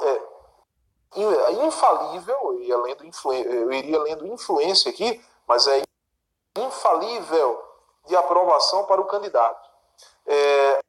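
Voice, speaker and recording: A man's voice: high-pitched, a bit bright. A male teacher walks through exam questions step by step, asking questions and then answering them himself. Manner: asks and answers his own questions, checks in with the listener. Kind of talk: recorded exam-prep lesson. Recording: echoey room.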